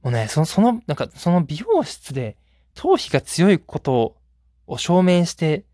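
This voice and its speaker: A man's voice: a little high, sing-song, measured pace, dark tone, no room sound. A man hosting a solo podcast, telling a rambling, self-deprecating story in a casual way, close to the mic. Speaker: podcast host.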